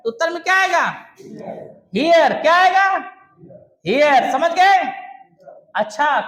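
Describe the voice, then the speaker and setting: A male English teacher fires questions at his class and pushes the answers back at them. He is loud and emphatic and often shouts, with a notably high-pitched voice. The sound rings around an echoey classroom. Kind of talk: classroom lesson with call-and-response drilling. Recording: echoey room.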